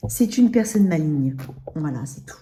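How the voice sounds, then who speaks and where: Wearing braces that slightly slur her speech, a woman does a casual tarot reading addressed directly to the listener, with frequent short check-in tags. Her low, mellow voice is animated at a moderate pace, with a little hiss or hum on the recording.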